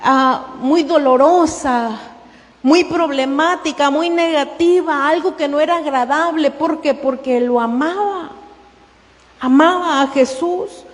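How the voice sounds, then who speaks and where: High-voiced woman pastor preaching slowly. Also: in a large hall. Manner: preaching with rhetorical questions, addressing "hermano". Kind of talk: sermon.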